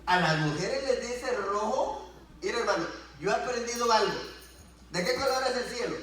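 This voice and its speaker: High-voiced preaching man in an echoey church. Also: moderate pace. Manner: animated preaching, acting out dialogue with rising and falling voice. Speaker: pastor. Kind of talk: sermon. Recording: echoey church room, distant mic.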